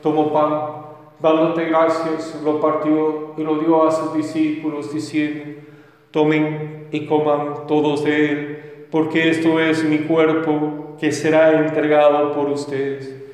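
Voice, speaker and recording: A priest recites the prayers of the Mass in a solemn, steady, even line, with his voice sitting somewhat high for a man. His words ring out in a cathedral echo, with a long reverb that fills the large church around him. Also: slow pace.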